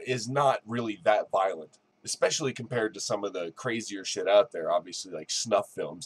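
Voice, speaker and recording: Husky, low-voiced sarcastic male commentator. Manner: mocking, sardonic. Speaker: video commentator.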